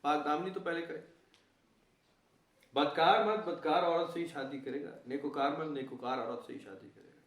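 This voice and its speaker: A man with a fairly high voice gives an informal lesson on scripture. He talks animatedly and mixes in English words. The recording is roomy and distant, as if the mic sits far from him. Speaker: Quran lecturer. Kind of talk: conversational Quran lesson.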